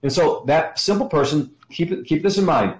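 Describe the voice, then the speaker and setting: A middle-aged American man, a ministry educator appearing as an interview guest, teaches in a conversational way. His voice sits a little high, with lively intonation and a moderate pace, and he's enthusiastic, repeating himself for emphasis. The recording sounds roomy and echoing.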